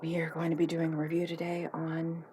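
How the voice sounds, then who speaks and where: A woman's voice: low-pitched, monotone, brisk, dark tone, a little hiss or hum, rough recording. A woman hosting a review vlog, talking in a chatty, rambling and self-mocking way. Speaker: vlog host reviewing a TV series. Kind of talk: casual chat.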